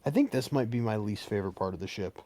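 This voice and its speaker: A man's voice: fairly low pitch, fast, mellow, no echo. A young man co-hosting casual gameplay commentary with joking, sarcastic banter. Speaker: gaming channel co-host.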